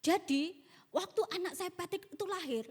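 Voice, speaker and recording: A woman's voice: very high voice, normal speed, darkish tone. A middle-aged woman pastor telling stories in a humorous sermon, teasing her congregation playfully. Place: church hall in Bali. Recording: long church-hall reverb.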